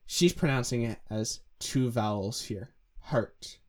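A man's voice: medium pitch, measured pace. A young man co-hosting a music breakdown, explaining the pronunciation of vowels and demonstrating the sounds himself. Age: young adult. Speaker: music analysis co-host. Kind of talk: casual analytical chat.

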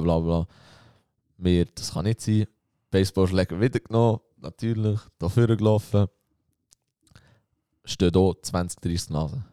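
Guy telling a story to friends, low mellow voice, acts out the voices, dry room. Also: clean tone, dry recording. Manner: animated storytelling, acting out quoted voices. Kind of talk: casual anecdote.

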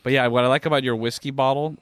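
A tired young man talks fast on a podcast, piling on fillers and swearing as he rants. The sound is close and dry, with no room around it. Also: mid-range voice, fairly even intonation, a bit bright, no room sound. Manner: profane, rapid rants with frequent fillers. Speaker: podcast co-host. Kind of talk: casual podcast chat.

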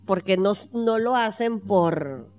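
A woman's voice: medium pitch, expressive, slow, darkish tone, no echo, studio quality, soft background music. A woman with a Mexican accent telling a personal story in casual chat, acting out the voices she quotes and using slang.

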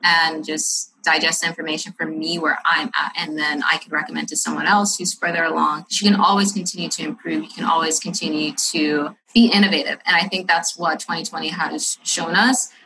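A woman's voice: low-pitched, steady tone, fairly quick, hardly any pauses, background noise. A woman who teaches and writes books, giving an earnest, chatty testimonial full of faith talk and fillers. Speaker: teacher and author.

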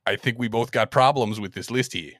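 A man hosting a podcast in casual chat, laughing often and talking in an animated way. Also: mid-range voice, brisk, no echo, clean studio sound. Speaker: podcast host.

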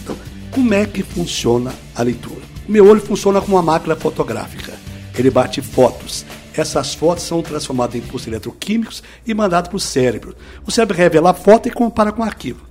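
Male teacher guest, bit high, very lively delivery, didactic, faint music behind. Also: quick pace. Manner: lively, didactic, full of examples. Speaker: speed-reading teacher, guest. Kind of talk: explanatory interview answers.

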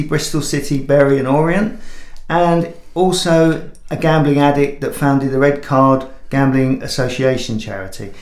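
A man hosting an interview podcast, prompting his guests with short, encouraging replies. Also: medium pitch. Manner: brief encouraging backchannels. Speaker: podcast host. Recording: roomy sound with faint music.

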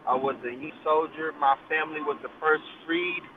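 Male guest, car speakerphone, tinny phone line, slightly high voice, casual with fillers. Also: steady tone, moderate pace, noisy background. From Texas. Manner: conversational with frequent 'uh' fillers and restarts. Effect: car speakerphone call while driving. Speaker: guest, congressional candidate. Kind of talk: casual live interview. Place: moving car.

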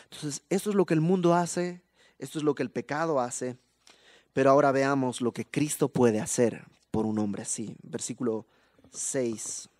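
A man's voice: medium pitch, normal speed, a little mellow, dry recording. A man with a Mexican accent preaching a sermon in an emphatic, conversational way, full of rhetorical questions. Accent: Mexican Spanish.

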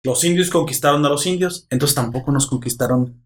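A man with a Mexican Spanish accent, co-hosting a casual podcast chat, animated and opinionated, swearing casually. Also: medium pitch, brisk. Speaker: podcast co-host. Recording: roomy echo.

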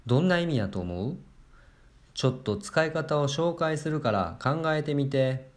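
A man with a Kansai Japanese accent hosting a language-lesson podcast. He explains things deliberately and repeats them in careful English. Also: medium pitch, animated. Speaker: podcast host and language teacher.

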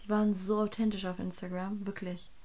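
A woman's voice: mid-range voice, flat delivery, brisk, darkish tone. Slangy woman with whispered asides. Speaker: podcast co-host. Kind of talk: casual gossip chat.

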